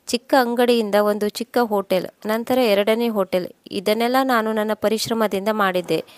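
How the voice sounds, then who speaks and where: A woman narrates a scripted first-person story at a steady, reflective pace. Her voice sits at an ordinary middle pitch. The recording is close and dry, with no room echo.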